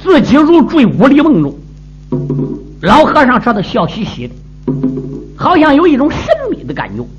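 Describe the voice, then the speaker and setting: A male traditional storyteller with a dramatic delivery and a very animated pitch. The sound is dull and lo-fi, and instrumental music is clearly audible behind him. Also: normal speed, long pauses. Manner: lively, dramatic.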